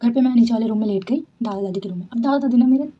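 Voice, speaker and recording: A young woman vlogger from Delhi, telling a personal story to camera in a chatty, animated way at home at night. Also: on the high side, very fast, heavy background noise. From Delhi, India. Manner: chatty, animated, often says "theek hai". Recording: dull lo-fi home recording.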